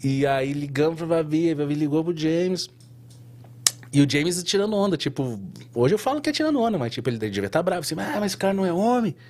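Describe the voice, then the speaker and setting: A man's voice: fairly high pitch, a little fast, a little hiss or hum. Slangy man telling a story. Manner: animated, slangy, frequent restarts and fillers. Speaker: tattoo artist guest. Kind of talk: casual storytelling in an interview.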